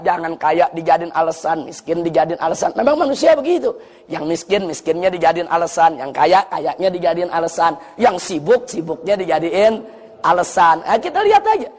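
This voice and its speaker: A man's voice: fairly high pitch, animated, brisk, long reverb tail. A man preaching a sermon, often asking the audience questions and acting out the voices of people who complain.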